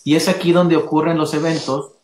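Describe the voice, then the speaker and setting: A man's voice: on the high side, little pitch movement, fairly quick, darkish tone. A man hosting a question-and-answer chat, reading out listener questions in an easygoing way, sometimes restarting as he frames them. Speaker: host. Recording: roomy echoey room sound.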